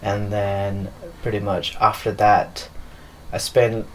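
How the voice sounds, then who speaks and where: A man's voice: fairly low pitch, little pitch movement, takes it slowly, a little hiss or hum, poor audio. A young man from Nepal, a dancer and choreographer, answering interview questions in a loose, filler-heavy way while seated in a living room. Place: living room with leather sofas.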